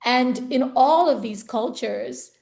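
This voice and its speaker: A woman's voice: high-pitched, takes it slowly, creaky, darkish tone. A woman who was born in Zambia and raised in the US, talking earnestly and reflectively in a casual conversation, often saying "you know" and "like". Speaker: podcast conversation partner. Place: home, based in Italy.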